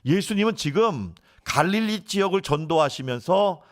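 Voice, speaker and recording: A man's voice: animated, moderate pace. A middle-aged male pastor preaching a sermon, leading the congregation in call-and-response and acting out quoted lines. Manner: dramatizes quoted speech with swings in pitch and volume.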